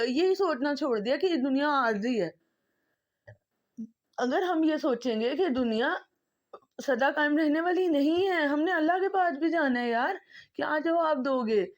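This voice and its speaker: A woman's voice: high voice, lively intonation, a little slow. Emotional, pleading woman vlogger. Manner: impassioned, pleading, repetitive emphasis. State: emotional, close to tears. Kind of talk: emotional monologue to camera.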